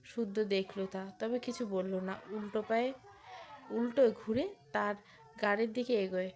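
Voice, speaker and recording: A woman narrating a romantic audio story with expressive storytelling. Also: mid-range voice, moderate pace.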